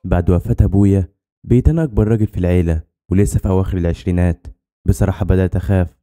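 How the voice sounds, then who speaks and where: A man with an Egyptian accent telling a scripted horror story in a brisk, tense way. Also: low voice, mellow, faint music behind.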